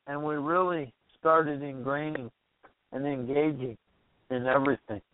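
A man's voice: fairly high pitch, dry recording. Man hosting motivational radio, losing his voice, tinny phone line, dry sound. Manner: rambling, asks the listener many questions. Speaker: radio show host. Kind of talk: motivational call-in radio monologue.

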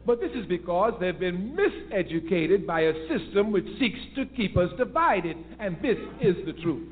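On a call-in radio show, a man with a high-pitched, very animated voice delivers an impassioned political talk at normal speed. He's emphatic, repeating key phrases for force. The phone line sounds tinny, with faint hiss.

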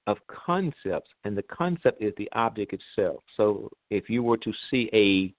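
A man hosting an online radio talk show, heard over a phone line, speaking in a measured way with pauses and fillers. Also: fairly low pitch, animated, dry recording. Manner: measured, pausing, with many fillers. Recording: tinny, dry phone line.

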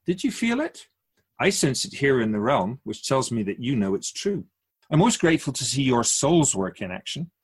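In a radio drama, a man with a mid-range, slightly rough voice plays a wise, otherworldly spirit. He's patient and gently teasing, speaking in a measured, formal way and posing musing questions.

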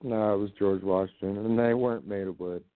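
Podcast co-host, joking and crude, phone-thin sound, dry room. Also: male voice, fairly low pitch, fairly even intonation, a little fast, no echo. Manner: wisecracking, swears freely. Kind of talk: profane casual chat. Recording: tinny phone-like line, dry.

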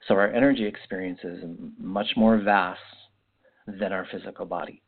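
An echoey, thin phone-like recording carries the deep voice of a man. He speaks as a spiritual podcast host, unscripted and reflective. His phrases wander and often repeat as he offers guidance. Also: fairly even intonation, normal speed. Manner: meandering, reflective phrasing with repetitions. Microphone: makeshift mic, not the usual podcast one. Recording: echoey, muffled phone-like sound without usual microphone.

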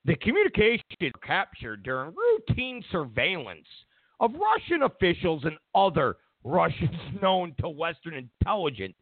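A man's voice: a little high, huge pitch swings, moderate pace, no room sound. A male show host giving a mocking, sarcastic political rant and laughing in the middle of sentences. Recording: tinny phone-like dry sound.

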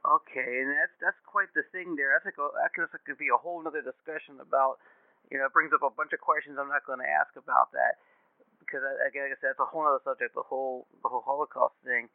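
A man's voice: medium pitch, steady tone, fast talker, gravelly, no echo. A man hosting a podcast, talking in a casual, rambling way. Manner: rambling, full of uh fillers and restarts. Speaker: podcast host. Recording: narrow phone-like sound, dry.

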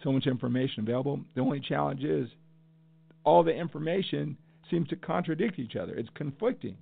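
Sounding animated and gravelly, a middle-aged man with a voice on the high side runs his solo podcast at a fairly quick clip. His monologue is passionate and emphatic, built on repeated phrases to drive the point home, captured in a dry recording with tinny, phone-like sound.

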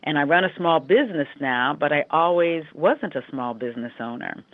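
An American woman from Western Pennsylvania, a leadership consultant and coach, speaks conversationally as an interview guest in a deep, slightly froggy voice at normal speed. The recording comes through a dry, tinny phone line with no room sound.

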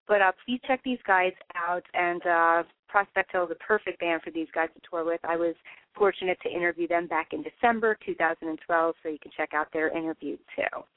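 A woman's voice: lowish voice, fairly quick, dry recording. A woman with a New Jersey accent hosting a casual interview show in a chatty, effusive way. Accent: Northeastern US, New Jersey. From New Jersey, United States. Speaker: radio show host, interviewer. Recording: dry, tinny phone-line radio audio.

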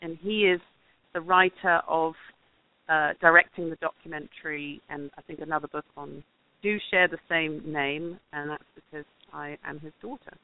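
A woman's voice: sits low, fairly even intonation, normal speed. A woman from England, a documentary grant writer talking as a guest in a casual interview, thoughtful and rambling with many fillers. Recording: dry tinny phone line.

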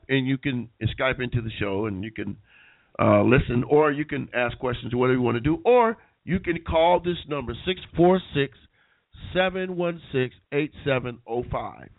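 A man's voice: medium pitch, expressive, normal speed. A man with a nasal voice from being sick, hosting an internet call-in radio show with casual, rambling talk. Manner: rambling with many restarts. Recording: tinny phone-line sound.

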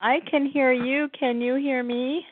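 A woman's voice: sits high, flat delivery, a little slow, slight background noise. A woman calling in to a radio show whose call keeps dropping out, so she keeps asking if she can be heard. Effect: call dropping out on a phone line. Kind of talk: phone-in call. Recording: tinny, dry phone line.

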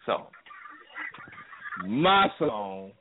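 A man's voice: on the low side, big pitch swings, drawn-out words. A man co-hosting a podcast in casual chat, laid-back, often stammering on his words. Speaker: podcast co-host. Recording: tinny phone-like line with faint noise.

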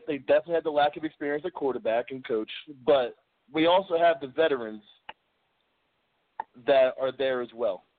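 A man's voice: a little high, no echo. A male caller talking over the phone, arguing sports in a laid-back, casual way. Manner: laid-back, argumentative, says "man" a lot. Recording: tinny dry phone line.

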